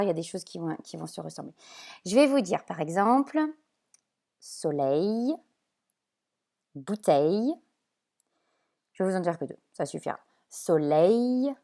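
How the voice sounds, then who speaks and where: A woman teacher explaining spelling sounds at a whiteboard, slow and patient, checking often that her pupils follow. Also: on the low side, animated, gravelly, mellow. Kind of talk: remote classroom lesson at a whiteboard.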